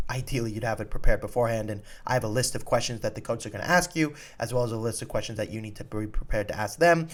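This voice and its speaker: A college soccer recruiting coach hosts an advice podcast, talking informally and directly to students and parents in a mid-range voice. He emphasizes key points and repeats them so they land.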